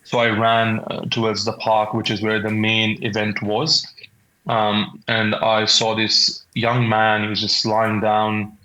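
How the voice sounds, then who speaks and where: Shaken young Pakistani-accented man, halting and flat. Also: fairly low pitch, rough recording. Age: 20s. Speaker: eyewitness being interviewed. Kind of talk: interview account of a traumatic event.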